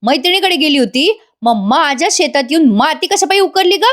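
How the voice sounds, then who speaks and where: A woman's voice: high voice, lively intonation, brisk, a bit bright, pitched above the performer's own voice. A woman voicing a feisty, bossy young farm woman who scolds and commands. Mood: scolding.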